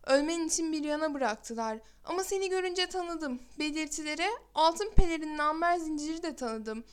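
A desperate beggar mother from a fairy tale, played by a woman, high and trembling with tears. She begs and pleads in every line, worn down by long searching. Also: animated, moderate pace. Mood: pleading. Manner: pleading, tearful. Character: grieving beggar mother searching for her son.

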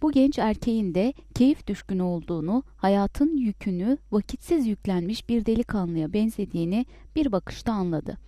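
A woman narrating a story as an audiobook in a calm, measured way. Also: mid-range voice, dry recording, clean studio sound.

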